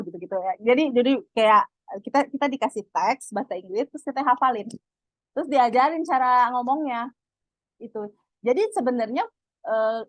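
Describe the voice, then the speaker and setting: A young woman with a fairly high voice tutors an online English class in a loose, chatty way and keeps slipping English phrases in. The sound is dry and close. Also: dry recording, poor audio. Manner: chatty, mixes in English phrases, refers to herself as Teteh. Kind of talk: casual online class teaching.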